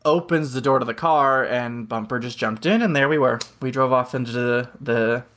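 A man co-hosting a casual podcast, wandering through a long story full of tangents and quick jokes. His voice sits at an ordinary middle pitch, relaxed and conversational. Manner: rambling storyteller, jokey asides. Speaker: podcast co-host. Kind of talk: casual chat.

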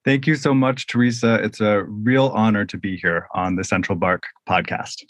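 A man's voice: fairly low pitch, fairly even intonation, moderate pace, no room sound. A man from Canada in his thirties, a guest in an interview, talking in an upbeat, joking way and laughing often. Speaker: guest, visual artist. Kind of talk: conversational interview.

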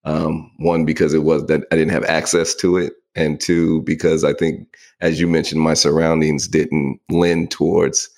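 A man in his forties from the Bay Area, co-hosting a podcast in relaxed, rambling casual chat. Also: very deep voice, normal speed, creaky. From San Francisco Bay Area. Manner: relaxed, rambling, many fillers. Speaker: podcast co-host.

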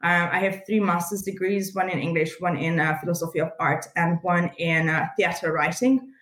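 Low-voiced Hungarian-born woman on a roomy video call. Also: fairly even intonation, normal speed, a bit bright. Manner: chatty, laughs easily, thoughtful explanations. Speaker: guest, community founder. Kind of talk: casual interview over video call.

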